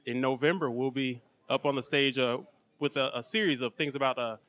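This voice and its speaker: A man being interviewed as an actor, speaking casually in a measured, earnest way. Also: mid-range voice, fairly even intonation, fairly bright tone. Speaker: actor interviewed at a film premiere. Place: film premiere red carpet.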